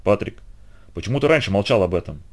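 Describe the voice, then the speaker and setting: Man doing a scared honest boy, soft, anxious, pleading, audiobook. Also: on the low side, expressive, fast, lightly acted. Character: frightened, honest young boy.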